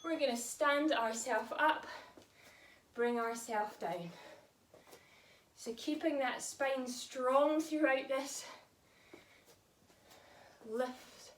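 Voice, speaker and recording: A woman's voice: sits high, very slow, long pauses, slight background noise. A woman pilates instructor guiding a workout, encouraging and counting reps while she exercises along, audibly out of breath. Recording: echoey room, voice from a distance.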